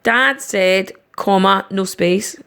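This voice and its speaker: Gravelly-voiced woman teaching a lesson. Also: medium pitch, fairly bright tone. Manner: patient, slow and explaining step by step. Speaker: primary school teacher. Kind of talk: recorded online lesson.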